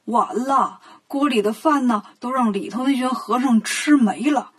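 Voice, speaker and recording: A woman puts on a nervous, talkative old village man for a children's storybook. His voice is breathy and homely, and he sounds flustered and easily startled. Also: on the high side, a little slow.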